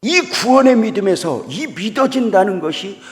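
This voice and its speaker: A middle-aged man preaching a revival sermon as a guest pastor, swinging between loud exclamations and quiet storytelling and putting questions to the congregation. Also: high voice, expressive, moderate pace. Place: church sanctuary. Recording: church hall reverb.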